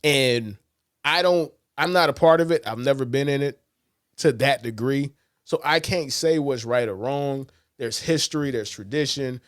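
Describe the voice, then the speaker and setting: Speaking at normal speed in a mid-range voice, a man co-hosting a sports podcast keeps things casual and profane, telling blunt, animated stories full of quotes from others. The recording is dry and studio quality.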